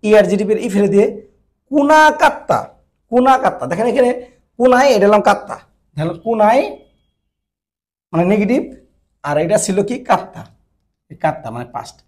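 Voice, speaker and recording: A man with a fairly high, light voice teaches a grammar lesson. He repeats each rule several times and keeps checking that his listeners follow. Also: expressive, brisk, long pauses, a little mellow. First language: Bengali. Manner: repetitive, checks understanding often. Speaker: Japanese language teacher. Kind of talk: classroom-style grammar lesson.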